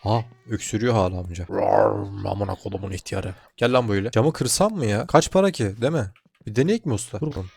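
A man's voice: medium pitch, lively intonation, quick pace, hardly any pauses, darkish tone, husky. A man giving casual let's-play commentary as a gaming channel host, chatty, talking straight to his viewers and swearing freely.

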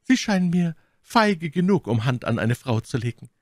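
A man voicing a scheming noblewoman, sharp and indignant, in an audiobook reading. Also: a little high, sing-song, moderate pace, dry recording, clean studio sound, pitched above the performer's own voice. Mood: scornful. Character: scheming noblewoman, cornered and furious.

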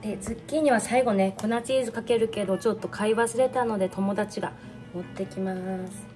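A woman's voice: mid-range voice, brisk. A woman of around thirty, chatting casually as she narrates home cooking. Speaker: home cooking and drinking vlogger. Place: home kitchen and dining table. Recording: music behind the voice.

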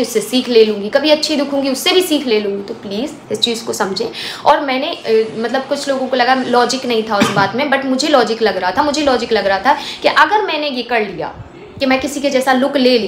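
A woman homemaker and family vlogger talking earnestly and defensively straight to her viewers in a casual chat. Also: a little high. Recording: roomy echo, faint noise.

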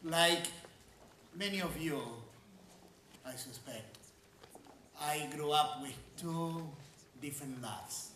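A man in his sixties from Argentina, an engineering school dean giving a conference keynote on a large stage, measured and emphatic, stretching key words. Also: fairly high pitch, background noise. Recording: roomy hall sound from a distance.

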